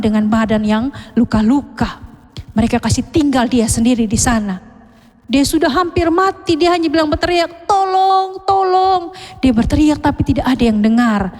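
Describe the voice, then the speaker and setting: A Sunday school teacher, telling a story to children and asking them questions, with a long hall reverb. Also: female voice, high voice. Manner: lively, questioning the children often.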